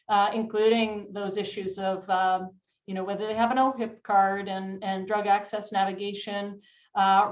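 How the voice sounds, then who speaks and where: Woman doctor on a panel, measured and thoughtful; roomy, muffled call sound. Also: medium pitch. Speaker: adult sickle cell physician. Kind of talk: panel discussion answer.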